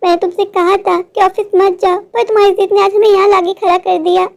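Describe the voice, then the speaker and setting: A woman takes on a protective mother who insists and scolds, trusting firmly in a higher power. It is a storybook drama voice, pitched very high. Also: flat delivery, fairly quick. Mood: scolding. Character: protective, stubborn middle-aged mother. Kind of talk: storybook voice acting.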